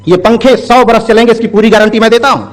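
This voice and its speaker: A man's voice: very high-pitched, quick pace. A man voicing a crafty, cheeky male fan peddler who keeps repeating his sales claims in a storytelling talk.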